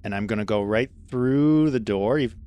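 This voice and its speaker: A man's voice: medium pitch, moderate pace, mellow, smooth, muffled recording. A man playing in a tabletop game, thinking aloud about his character's moves with some hesitation. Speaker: player. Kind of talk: casual tabletop play.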